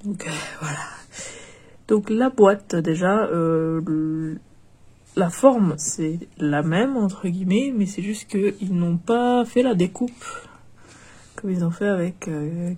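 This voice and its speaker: Nasal and stuffy from a cold, a young woman chats hesitantly through a casual doll unboxing, full of fillers and restarts. Her voice is fairly low, slow, mellow and slightly rough.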